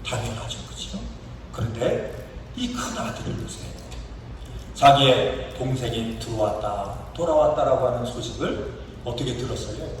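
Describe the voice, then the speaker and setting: A man's voice: medium pitch, normal speed, a little hiss or hum. A man, a pastor, preaching a sermon and acting out the story's characters in their own voices. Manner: lively, rising and falling emphasis. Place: church sanctuary. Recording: echoey church hall from a distance.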